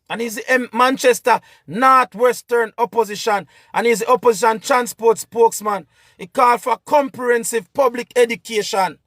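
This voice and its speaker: High-voiced Jamaican man ranting. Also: a bit bright, dry recording, studio quality. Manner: impassioned, repetitive, preachy. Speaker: vlogger. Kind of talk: political commentary rant.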